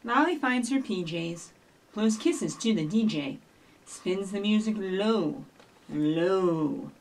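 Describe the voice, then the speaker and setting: Here a children's librarian in middle age leads storytime, addressing the kids encouragingly as she reads aloud. Her mid-range voice is expressive and unhurried, with a little background noise. The microphone sits far off in a small office with shelves.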